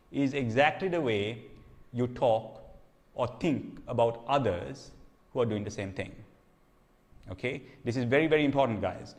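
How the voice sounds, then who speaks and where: A man preaching in a conversational teaching style. He often asks "okay?" to check in and repeats or restarts phrases. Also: mid-range voice. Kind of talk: sermon teaching. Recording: long reverb hall.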